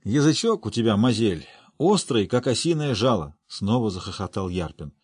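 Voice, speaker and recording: A man voicing a gruff, boisterous older male dwarf who talks in a rough, folksy, teasing way. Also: lowish voice, very animated, normal speed, darkish tone, no echo, studio quality. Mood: gruff jovial.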